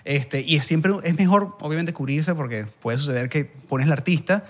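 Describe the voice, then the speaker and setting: A man with a Venezuelan accent, a video director telling animated stories on a casual podcast, acting out quotes and swearing freely. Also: a little high, moderate pace. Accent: Venezuelan Spanish. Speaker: guest, music video director.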